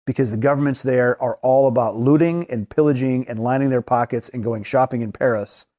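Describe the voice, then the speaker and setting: A man's voice: mid-range voice, a little fast, warm tone. A man in an opinionated political discussion, speaking bluntly and emphatically.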